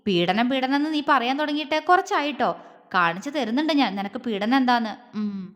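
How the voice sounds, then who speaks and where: A woman voicing a protective young husband, gruff yet tender, in an audio love story. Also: high-pitched, animated, brisk, fairly bright tone, in a large hall. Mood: teasing.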